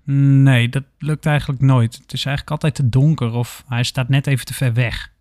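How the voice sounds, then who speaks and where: A man voicing a calm, caring young woman who speaks softly and with concern. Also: medium pitch, moderate pace, no echo, studio quality, natural voice. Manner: soft, gentle, concerned.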